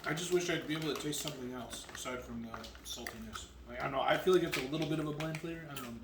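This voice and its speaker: A man's voice: a little high, racing, recorded from a distance. A man giving a casual, slangy snack review among friends as one of a panel. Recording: echoey room, off-mic, noticeable noise.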